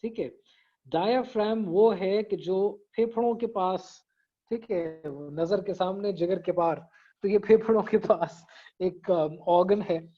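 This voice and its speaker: A man with a high voice speaks slowly over dull, video-call audio while giving an online public speaking class. His lecture is conversational, sprinkled with English phrases, and he keeps checking on his students with "theek hai."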